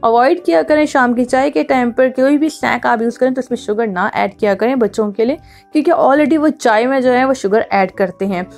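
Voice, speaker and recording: A woman's voice: a little high, brisk, darkish tone. A woman hosting a home cooking tutorial, talking through each step in a chatty, instructive way and often repeating herself. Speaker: cooking channel host.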